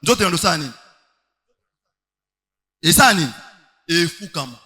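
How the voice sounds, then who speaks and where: A man's voice: fairly high pitch, expressive, unhurried, sharp tone. A man preaching a sermon, emphatic, with rhetorical questions and sing-song stretches. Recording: long hall reverb.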